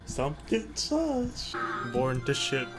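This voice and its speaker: A woman's voice: low-pitched, big pitch swings, slow, poor audio. Goofy young woman with a wildly swinging voice. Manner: joking, goofy, shrieking laughter. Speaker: let's play co-host. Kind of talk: casual chat while playing a visual novel. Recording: loud music behind.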